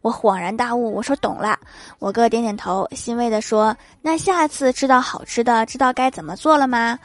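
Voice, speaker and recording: A young woman hosts a joke show, her fairly high voice moving at a normal pace with no echo. She tells funny everyday stories in an upbeat way and chuckles at her own punchlines, a style of comedic joke storytelling.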